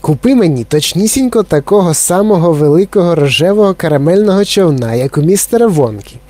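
A man's voice: high voice, lively intonation, fairly quick, warm tone, pitched above the performer's own voice. A man voicing a spoiled, demanding little girl who whines insistently, in a storybook reading. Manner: whiny and insistent.

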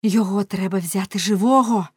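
A woman voicing a grieving mother who shouts in loud, vengeful fury. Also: on the low side, measured pace, dry recording. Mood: furious.

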